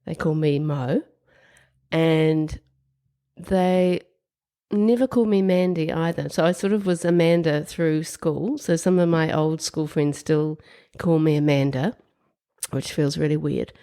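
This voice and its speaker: A New woman in her fifties hosting a podcast interview, talking in a chatty way with a croaky voice. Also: deep voice, measured pace, warm tone. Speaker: podcast host. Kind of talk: casual interview chat.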